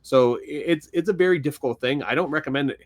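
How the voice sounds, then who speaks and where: A man's voice: a little high, fast. A man with a Philadelphia accent, co-hosting a podcast in a rambling, casual way and laughing easily. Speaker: podcast co-host. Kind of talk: casual chat.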